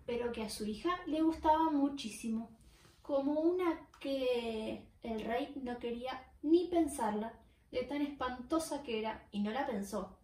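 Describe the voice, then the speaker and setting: A woman reading a children's story aloud in a clear, expressive storytelling manner with dramatic pauses. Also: high voice. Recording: roomy, far from the mic.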